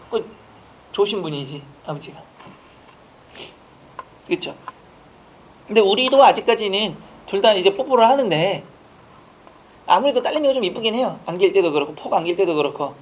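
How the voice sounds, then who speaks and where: A man's voice: sits high, expressive, fairly quick, pauses often. A man in his forties teaching an exam-prep grammar lecture, chatty, asking rhetorical questions and acting out short dialogues.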